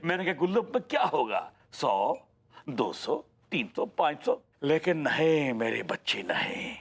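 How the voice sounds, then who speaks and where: A man's voice: fairly high pitch, big pitch swings, unhurried, gravelly, full character voice. An actor playing a boisterous, doting older father who tears up over his daughter and mocks his son-in-law, theatrical in delivery. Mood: fond. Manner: theatrical, swings from tearful to mocking. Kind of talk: sitcom acting.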